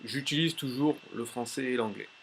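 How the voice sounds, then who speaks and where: A man teaching a language tips lesson in a casual, chatty way, pausing often with fillers as he shows a website on screen. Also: medium pitch, vocal fry, a bit bright, slightly rough. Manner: chatty, many "euh" fillers and restarts. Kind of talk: casual tutorial with screen demo.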